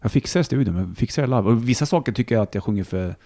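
A man with a Hälsingland Swedish accent, chatting casually as a guest, relaxed and rambling, swearing easily. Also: mid-range voice, vocal fry. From Sweden, Hälsingland. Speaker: musician and radio host, guest. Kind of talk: casual conversation.

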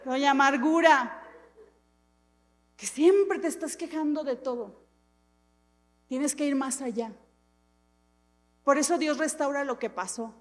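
A middle-aged woman pastor gives an animated, dramatic sermon full of self-mocking humor. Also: sits high. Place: church hall. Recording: long hall reverb.

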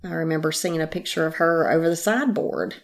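An older woman with a slightly low voice reminisces in a careful, measured way. She talks like a longtime guide in an interview, recorded in an attic. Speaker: longtime historic house guide being interviewed. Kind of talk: conversational reminiscence. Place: in an attic room of an old house.

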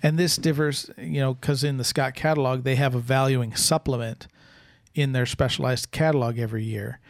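A man explaining as a podcast expert, casual but measured and halting in the way he talks. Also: mid-range voice, fairly even intonation, vocal fry, no room sound, studio quality.

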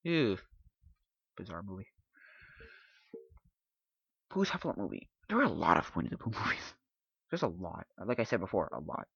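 A man hosting a podcast in casual chat, rambling and halting as he thinks aloud. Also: sits low, big pitch swings, vocal fry, a bit bright, husky, no echo. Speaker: podcast host. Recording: dull lo-fi dry sound.

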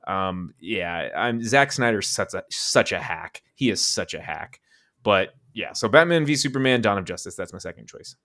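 A low-pitched man talking loosely on a podcast about films he disliked. He rants, swears freely and breaks into incredulous laughs when something strikes him as absurd. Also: expressive, normal speed, a bit bright. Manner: ranting, profane, laughs incredulously. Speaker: podcast co-host. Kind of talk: casual movie chat.

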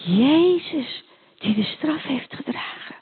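A woman with a high voice tells a Bible story to children, slowly and with animation. She often turns to her listeners directly. The sound is thin and phone-like. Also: expressive.

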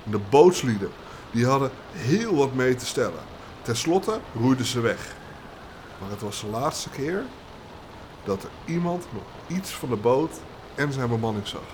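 A man co-hosting a podcast, reading a folk tale aloud in a steady, matter-of-fact way with casual banter. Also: medium pitch, unhurried, a little hiss or hum. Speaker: podcast co-host, storyteller.

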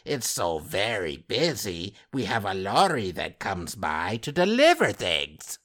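A man reading aloud slowly in a put-on British accent. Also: lowish voice, huge pitch swings, a bit bright, exaggerated voice. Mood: mock-prim.

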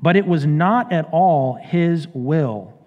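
A man's voice: fairly high pitch, takes it slowly, in a large hall, narrow, tinny audio. A male pastor preaching a sermon in a casual, conversational way, acting out scripture voices. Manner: conversational, animated paraphrasing of scripture.

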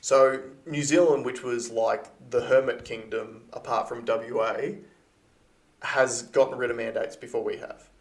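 A man's voice: mid-range voice, fairly even intonation, measured pace. An Australian man from Queensland, co-hosting a casual podcast and giving blunt opinions with frequent laughs. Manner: opinionated, laughs often, restarts. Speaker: podcast co-host.

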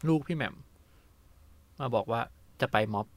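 A man's voice: mid-range voice, normal speed, dry recording. A man interviewing a guest, asking earnest, polite questions as a journalist.

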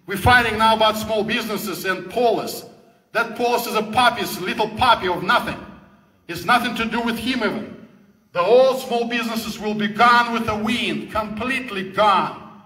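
A man's voice: high voice, pushed and bright. A man from the Soviet Union with a Russian accent, giving a fervent, preaching speech to a live audience and repeating phrases for emphasis. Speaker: guest speaker. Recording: echoey hall with long reverb.

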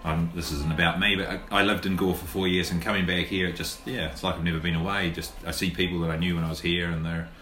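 This podcast host speaks fast and level in a low, fairly bright voice, barely pausing as he chats with his guest. He has a New Zealand accent, keeps affirming with frequent "yeps", and is recording a casual interview at a lunch venue where the sound is roomy with faint background noise.

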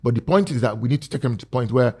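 A man's voice: mid-range voice, expressive, racing, a little mellow, breathy edge. A man with a Nigerian accent, speaking as a guest in a casual talk-show discussion, earnest and persuasive, with many fillers and restarts. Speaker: guest advocating for skit makers.

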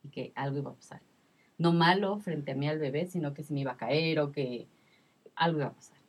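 Low husky woman telling her story. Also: a little fast. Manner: emotional, repetitive storytelling. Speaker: guest sharing her experience. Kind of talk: casual conversation.

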